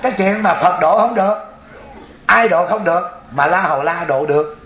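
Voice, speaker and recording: A man, a Buddhist preacher telling a story in a lively sermon, asking his audience questions. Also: high-pitched, moderate pace, echoey room, a little hiss or hum.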